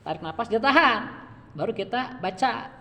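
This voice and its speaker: A man's voice: very high-pitched, expressive, normal speed, pushed and bright. Patient guy teaching quran reading one on one, keeps checking on his student, lots of reverb. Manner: patient, repeats each point and keeps addressing the student. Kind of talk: one-on-one Quran recitation lesson. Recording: reverberant room.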